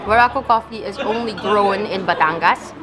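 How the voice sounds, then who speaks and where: A woman's voice: mid-range voice, normal speed, crowd noise. A young woman from the Philippines chatting casually as a travel vlogger, playful and easily delighted. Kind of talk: casual travel vlog narration.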